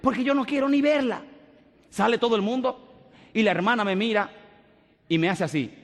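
A man's voice: high-pitched, moderate pace. A man preaching a joyful sermon as a pastor, telling stories and laughing as he preaches. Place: church. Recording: long reverb of a church hall.

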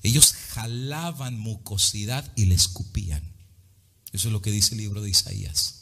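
A man preaching a dramatic sermon, swinging between loud and hushed, slipping into English now and then. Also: lowish voice, normal speed, creaky, slightly rough.

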